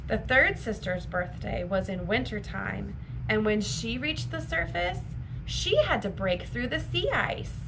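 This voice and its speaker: A woman reads a storybook aloud for children in a slow, deliberate way. Her voice sits in the middle range and is full of expression for young listeners, with noticeable background noise.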